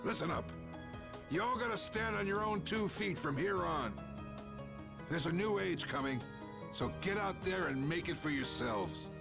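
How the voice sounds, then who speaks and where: A man playing a gruff, stoic old guild boss in a video game, speaking with blunt, folksy authority. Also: high voice, lively intonation, a little slow, exaggerated voice. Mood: rousing. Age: older. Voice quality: gruff, gravelly. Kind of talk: dramatic video game dialogue. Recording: game audio with loud music.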